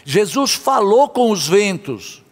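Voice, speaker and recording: A man's voice: sits high, big pitch swings, takes it slowly. A man preaching a sermon as a pastor, impassioned, sometimes half-singing his phrases. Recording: long hall reverb.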